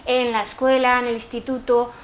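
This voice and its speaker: Hesitant young woman artist, slightly high. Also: little pitch movement, normal speed. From Spain. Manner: hesitant, with many fillers. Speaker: artist guest. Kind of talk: interview answers.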